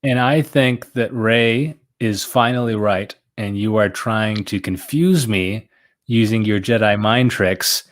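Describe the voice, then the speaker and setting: A man's voice: lowish voice, takes it slowly. A young man chatting casually on a trivia livestream, rambling and self-mocking with lots of fillers. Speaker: trivia contestant and co-host.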